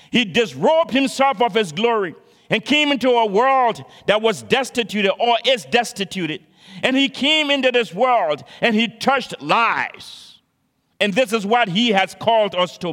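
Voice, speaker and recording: Male preacher, high and bright, earnest, repeats lines, reverberant hall. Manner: repeats phrases for emphasis, earnest exhortation. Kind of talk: sermon.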